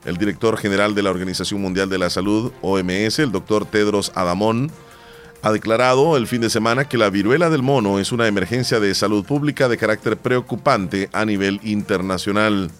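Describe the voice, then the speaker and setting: A Salvadoran man with a low voice hosts a morning radio show. He reads the news and chats in a relaxed, conversational way, over a faint music bed. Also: brisk. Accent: Salvadoran Spanish. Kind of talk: reading news and casual chat.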